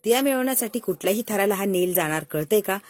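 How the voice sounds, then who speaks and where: A woman's voice: mid-range voice, animated, quick pace, a little mellow, dry recording, lightly acted. A woman voicing a scheming, obsessive young man who makes threats. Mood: threatening.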